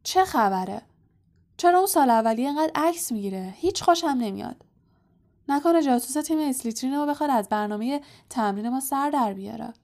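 A woman voicing a hot-tempered teenage boy captain who talks loud, quick and bossy. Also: fairly high pitch, gravelly. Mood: angry.

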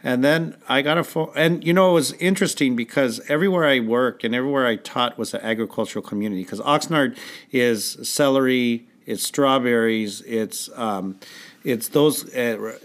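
A man's voice: medium pitch, moderate pace. A man from California, a music teacher, talking enthusiastically in a casual conversation and often restarting his sentences.

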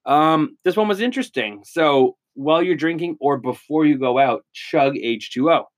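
A man's voice: fairly high pitch, normal speed. A young man co-hosting a podcast in casual chat, rambling through tips he reads aloud, with lots of filler words. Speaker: podcast co-host.

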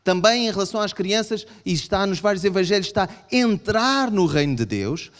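A man with a European Portuguese accent preaching a sermon to a congregation, animated and acting out his listeners' objections. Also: normal speed. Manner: animated, acts out voices of the congregation in raised pitch. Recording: long hall reverb.

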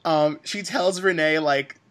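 A man's voice: on the high side, slow pace. Enthusiastic man gushing about a film. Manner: enthusiastic, gushing, laughs easily. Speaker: podcast co-host. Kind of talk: casual film chat.

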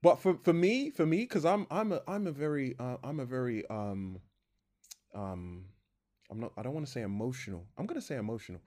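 Lively young man, laughing. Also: medium pitch, brisk. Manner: laughs often, rambling, self-correcting. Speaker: podcast host. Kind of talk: casual chat.

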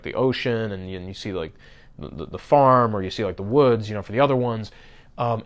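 A podcast host with a mid-range voice talks casually about marketing in a loose, conversational style. He addresses his listeners directly, often breaks off and restarts sentences, and fills gaps with "uh" and "you know."

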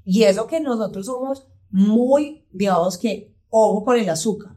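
A woman from Colombia with a Paisa accent, in her thirties, chatting casually as a podcast guest and lively acting out quotes. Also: mid-range voice, unhurried. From Colombia, Pereira. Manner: animated, acts out her child's voice in quotes. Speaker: guest, mother and entrepreneur. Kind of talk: casual conversational chat.

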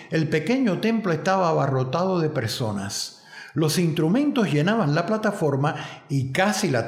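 A man from Cuba, a pastor giving a measured, reflective radio devotional sermon. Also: a little high, darkish tone, roomy sound.

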